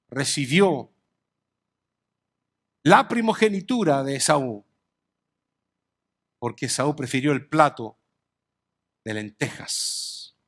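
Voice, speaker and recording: A man preaching a sermon slowly and emphatically, his voice rising and dropping sharply between phrases. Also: high voice, fairly bright tone. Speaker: pastor.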